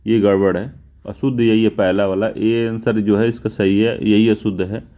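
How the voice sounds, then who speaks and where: Indian man teaching exam answers, mellow dark voice, drags out words when stressing them. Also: fairly low pitch. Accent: North Indian Hindi. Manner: repeats words slowly, drawn-out emphasis. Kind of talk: explaining test answers.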